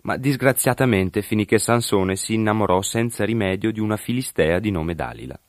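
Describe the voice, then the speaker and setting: Male narrator with a very low voice for measured, literary scripture storytelling. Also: lively intonation, no echo, studio quality.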